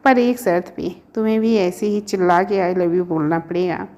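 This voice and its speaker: A woman's voice: on the low side, steady tone, moderate pace, darkish tone, natural voice. A woman reading a storybook, voicing a young male professor who pleads and teases his sweetheart. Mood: teasing. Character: young man, a professor, earnest and teasing lover.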